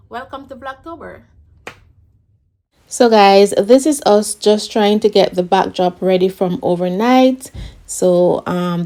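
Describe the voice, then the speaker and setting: A woman's voice: medium pitch, mellow. A woman hosting her own home vlog, chatting casually to camera and calling her viewers "guys". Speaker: vlogger hosting her channel. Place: at home, setting up a brunch.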